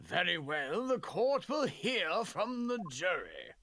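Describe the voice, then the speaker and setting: A man playing a stern, stately courtroom judge in a video game read-aloud, speaking formally and deliberately. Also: high voice, wildly swooping pitch, fairly bright tone, a little hiss or hum, full character voice. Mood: solemn, formal.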